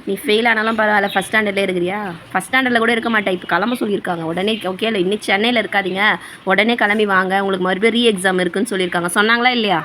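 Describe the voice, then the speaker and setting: A woman in her thirties, a mother, scolding her children with rapid repeated questions during a casual home prank video. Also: medium pitch, steady tone, pushed and bright, slight background noise.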